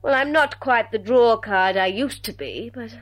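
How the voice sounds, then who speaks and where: An actress playing a weary, ashamed but defiant estranged daughter in a radio drama, speaking in a deliberate, emotive way. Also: female voice, fairly high pitch, natural voice, poor audio. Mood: bitter, resigned.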